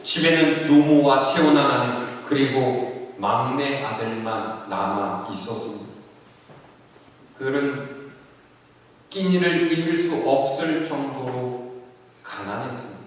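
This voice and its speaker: A man's voice: mid-range voice, measured pace, long pauses. A man pastor telling a story in an earnest sermon, rising in intensity at moments of grief. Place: church sanctuary. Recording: echoey church hall from far off.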